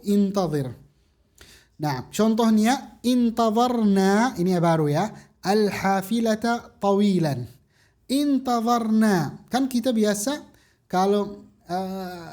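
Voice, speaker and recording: A woman's voice: medium pitch, warm tone. A woman teaching beginner Arabic verbs, patiently repeating each form for students to echo. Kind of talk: slow classroom drilling of verb forms.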